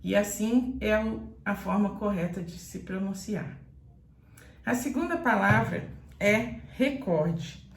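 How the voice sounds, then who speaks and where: A Brazilian woman teaching pronunciation in a video lesson, speaking in a didactic, deliberate way and repeating words for emphasis. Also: medium pitch, vocal fry, echoey room. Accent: Brazilian Portuguese. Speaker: Portuguese teacher.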